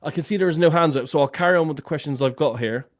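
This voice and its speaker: Racing along in a fairly high-pitched voice, this man runs a relaxed online question-and-answer session. As the remote viewing tasker and host, he talks loosely and leans heavily on "you know."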